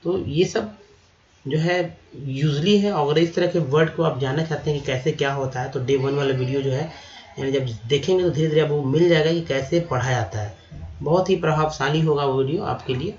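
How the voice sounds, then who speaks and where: A man teaching English vocabulary, spelling out letters and repeating each word slowly. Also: a little high, darkish tone. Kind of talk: vocabulary lesson. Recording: roomy, dull lo-fi sound.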